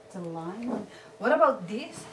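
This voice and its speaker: A woman asking a young child to name animals and make their sounds, in slow, patient questions with sing-song prompts. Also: mid-range voice, very animated. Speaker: parent teaching a child. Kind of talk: home video lesson for a child. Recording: echoey room, far from mic, loud noise.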